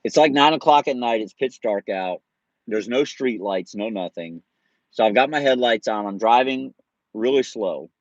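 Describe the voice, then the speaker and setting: A man in his forties tells a story to his viewers in a relaxed, joking way, with mild swearing and laughter. His voice sits at an ordinary middle pitch. The audio is dull and lo-fi, and it sounds dry and close. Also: moderate pace, dry recording. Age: 40s. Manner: laid-back, swears freely, laughs through his story. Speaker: streamer.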